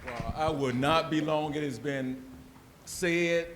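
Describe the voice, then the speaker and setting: A man's voice: a little high, slow. Poet guy reciting to a crowd, repeats his lines, preachy rhythm, faint hum behind him. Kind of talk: spoken-word poetry at a public event. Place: large auditorium. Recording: echoey hall with faint ambience.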